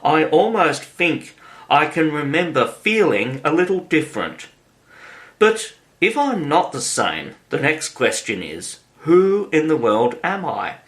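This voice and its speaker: Man doing a puzzled little girl, thinking aloud, slow and gently lifted in pitch, storybook reading. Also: very animated, exaggerated voice. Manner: musing aloud to herself. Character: curious, puzzled young girl, Alice.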